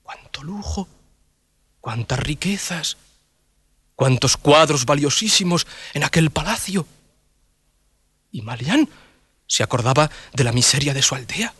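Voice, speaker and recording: Male storyteller for kids, lively swinging pitch, fairly high voice, playful. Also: unhurried, pauses often, husky, no echo. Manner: animated, playful sound effects and sing-song. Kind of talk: children's story narration.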